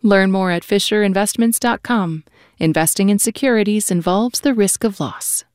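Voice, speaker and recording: A woman reading scripted sponsor credits on public radio in a crisp, brisk way. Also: mid-range voice, darkish tone, no room sound, studio quality. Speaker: sponsor announcer. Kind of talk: scripted announcements.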